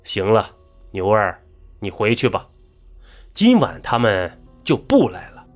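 A man voicing a stern middle-aged male master who speaks curtly and calmly. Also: lowish voice, measured pace, soft background music, pitched below the performer's own voice, exaggerated voice.

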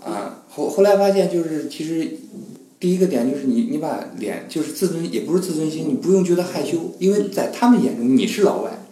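讲故事很生动的男人，声音偏暗. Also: male voice, fairly high pitch, a little fast, reverberant, poor audio. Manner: animated storyteller, acts out scenes with voices and sounds. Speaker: guest. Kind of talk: casual conversation.

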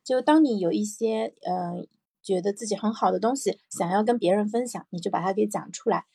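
A woman's voice: medium pitch, brisk, vocal fry, warm tone, slightly rough, dry recording, studio quality. A woman hosting a personal morning audio show, talking casually and reflectively, thinking aloud with repeated phrases and little check-in questions. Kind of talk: casual reflective solo podcast talk.

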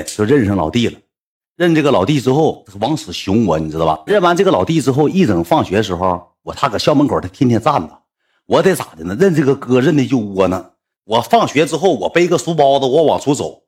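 A man with a Northeastern Mandarin accent spins a personal anecdote in a chatty, self-mocking way. His voice is husky and a little rough, and he talks at a rapid clip. His pitch swings widely as he tells it. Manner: chatty, colloquial, self-mocking, with many restarts. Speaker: storyteller. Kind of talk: casual personal storytelling.

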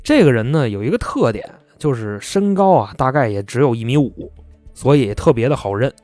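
A man tells a true-crime story in a loose, colloquial, chatty way, often pausing to explain. His pitch moves in a lively way. The voice is dry and close, with faint music underneath. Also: no room sound.

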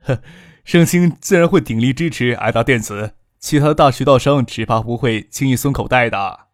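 A man's voice: mid-range voice, normal speed, dry recording, clean studio sound, close to an everyday voice. An affable, probing businessman, as a male narrator puts him on.

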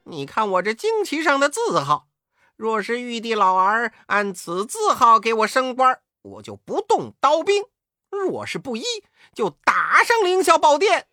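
A man voicing a brash, hot-tempered monkey king who shouts and boasts in a high, loud voice. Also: wildly swooping pitch, measured pace, no room sound, studio quality, full character voice. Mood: furious.

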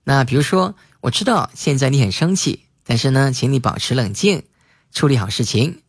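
A man teaching English vocabulary, spelling words letter by letter and repeating example sentences slowly. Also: medium pitch, lively intonation, breathy edge, dry recording, studio quality. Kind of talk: spoken English lesson.

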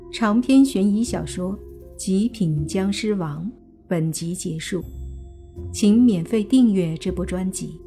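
A woman's voice: mid-range voice, dark tone, faint music behind. A woman reading the closing announcement of an audiobook episode. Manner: slow, formal closing announcement. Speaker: narrator.

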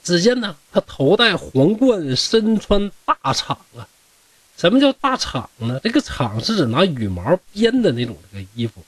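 A man's voice: sits high, sing-song, moderate pace, slightly rough, no room sound, recorded from a distance. A man from Shenyang with a Northeastern Mandarin accent, telling classic tales as a host in a chatty way with joking asides to listeners. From Shenyang, Liaoning. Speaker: storyteller host. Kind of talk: colloquial classic-tale storytelling.

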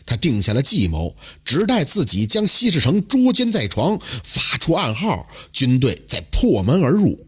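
A man tells a traditional folk tale with a husky, slightly breathy voice. His pitch swings widely as he dramatizes the story in an animated oral-storytelling style. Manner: lively, dramatic intonation.

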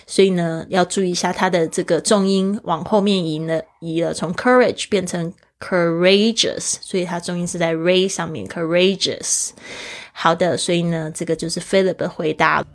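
A woman hosting a language lesson, patiently explaining English words and spelling them out letter by letter. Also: lowish voice. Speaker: English teacher and podcast host. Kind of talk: bilingual vocabulary lesson.

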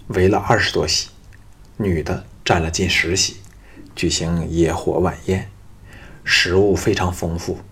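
Male audiobook narrator, deep voice, heavily husky, steady storytelling.

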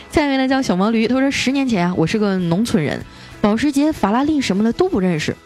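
A woman's voice: on the high side, big pitch swings, darkish tone, faint music behind. A woman radio host reading out listener jokes in a playful, chatty way, adding teasing comments of her own. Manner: playful, chatty, teasing asides with drawn-out particles. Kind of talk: lively comic radio reading.

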